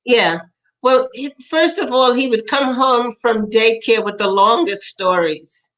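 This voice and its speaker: An older woman from Trinidad, a poet being interviewed, telling family stories with lively quoted voices. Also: on the high side, unhurried, rough recording. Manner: animated storyteller, acts out quoted voices, laughs often. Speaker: poet and author, interview guest. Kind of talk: storytelling in conversation.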